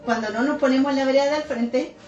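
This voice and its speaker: A woman's voice: high-pitched, steady tone, fast talker, a little mellow, recorded from a distance, lo-fi sound. A woman preacher giving a sermon, telling a story earnestly and asking the congregation rhetorical questions. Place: church. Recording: echoey church room with faint music.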